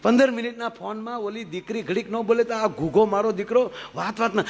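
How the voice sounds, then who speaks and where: A man telling folk stories on stage, lively and joking, switching between voices. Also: sits high, brisk. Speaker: folk storyteller. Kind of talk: live humorous folk storytelling.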